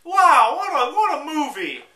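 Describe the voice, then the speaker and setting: A man voicing a loud, oblivious male moviegoer who talks over a film, gawking and chattering aloud. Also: very high-pitched, big pitch swings, unhurried, a little hiss or hum, pitched above the performer's own voice, exaggerated voice. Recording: echoey room, distant mic.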